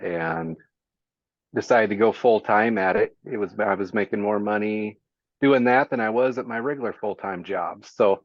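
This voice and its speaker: Low-voiced man on muffled call audio. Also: normal speed, no echo. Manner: easygoing, many "um"s, plain-spoken. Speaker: guest, small business owner. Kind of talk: casual interview chat.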